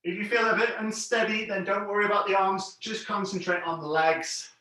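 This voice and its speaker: Male exercise instructor, higher-pitched, encouraging and clear with cues and counts, heard from a distance in a heavily echoing room. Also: fairly even intonation, a little fast, sharp tone. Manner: encouraging, plain step-by-step cueing. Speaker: fitness class instructor. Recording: very echoey room, distant mic.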